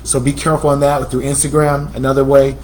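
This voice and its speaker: A man's voice: mid-range voice, little pitch movement, fast, a little mellow, a little hiss or hum, poor audio. An American man hosting a computer store's promotional video, talking in a chatty, salesy way and often repeating himself. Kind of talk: casual promotional talk.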